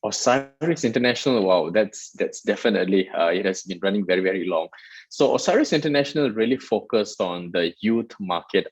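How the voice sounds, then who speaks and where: A Malaysian startup festival director, appearing as an interview guest, explains his work at length in an earnest manner, restarting often. His husky, fairly low voice is expressive and fairly quick, with no room sound.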